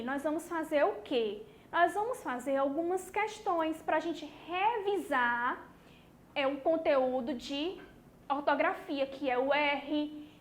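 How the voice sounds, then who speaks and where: A high-voiced woman from Brazil, teaching a class for young children. She speaks slowly and carefully, and she plays out her pupils' questions before she answers them. She checks in with her class again and again. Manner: lively, acts out imagined student questions, checks in with "tá bom?". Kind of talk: recorded online class for children.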